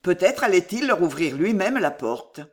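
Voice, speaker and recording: A reader narrating a classic novel in an expressive audiobook style. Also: mid-range voice, normal speed. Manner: expressive reading.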